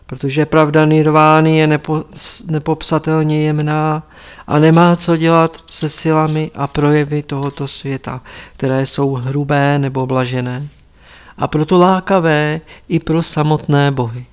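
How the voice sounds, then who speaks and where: A man's voice: fairly high pitch, level tone, smooth, close to an everyday voice. A man reading as a grave old lama teacher. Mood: stern. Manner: grave, instructive. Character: stern wise old male lama teacher. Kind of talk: audiobook character reading.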